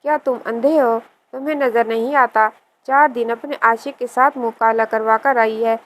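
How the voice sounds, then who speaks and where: A woman voicing an angry, unforgiving mother who scolds her son, with a fairly high voice. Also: fairly even intonation, slight background noise, close to an everyday voice, rough recording. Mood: scolding. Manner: scolding and contemptuous.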